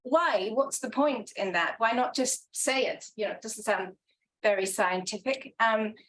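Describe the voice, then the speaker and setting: Her voice is on the high side and a bit bright, and she speaks a little slowly while presenting her research at a conference. Earnest and reflective, she keeps restarting and filling gaps with ums, and the audio quality is poor.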